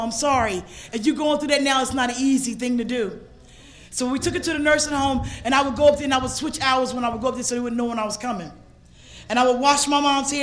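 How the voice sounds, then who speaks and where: A woman from gives a personal recovery testimony at a convention. She moves between hushed storytelling and raw, shouted passages. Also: high-pitched. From Philadelphia, USA. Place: convention hall stage.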